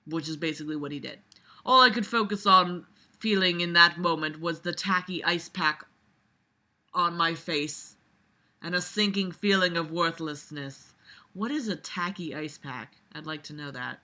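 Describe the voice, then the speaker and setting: A woman with a lowish, sharp-toned voice talks at normal speed while reading a book aloud and critiquing it. Her casual commentary mocks the text, and she sounds blunt, sarcastic and exasperated, swearing freely along the way.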